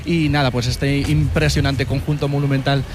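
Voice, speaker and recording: A man's voice: mid-range voice, little pitch movement, moderate pace, noisy background. A man reporting live for radio from an outdoor square, interviewing a visitor in a chatty way. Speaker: field reporter.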